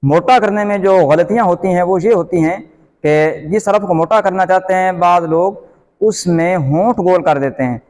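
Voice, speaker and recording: A man with a Pakistani Urdu accent teaching Quran reading in a slow, patient lesson, repeating each letter sound loudly. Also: sits high, in a large hall.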